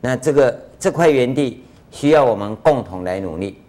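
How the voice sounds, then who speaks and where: An older man gives a Buddhist dharma lecture in a conversational way, full of rhetorical questions and drawn-out filler sounds. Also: mid-range voice, animated, warm tone. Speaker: Buddhist master giving a lecture.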